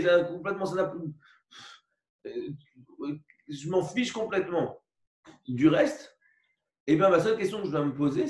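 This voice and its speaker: A man teaching a religious lesson, explaining slowly with many repetitions and asides and asking for agreement. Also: on the high side. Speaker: Torah teacher. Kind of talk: religious lecture with a parable. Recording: echoey room recorded from far off.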